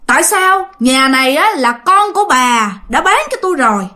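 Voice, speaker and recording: A woman's voice: a little high, big pitch swings, fast talker, fairly bright tone. A woman voicing a stubborn middle-aged mother who speaks firmly and defiantly. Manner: firm, defiant.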